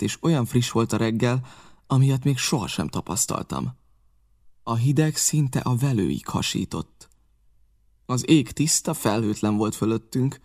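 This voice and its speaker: A man reading a novel aloud as an audiobook narrator, measured and steady. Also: medium pitch.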